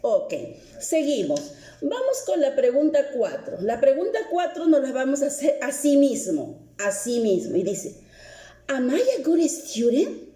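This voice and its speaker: Slow, patient woman teaching English. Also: sits high, very animated, dark tone, reverberant. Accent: Peruvian Spanish. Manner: slow, patient, repeats each example. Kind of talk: recorded video lesson.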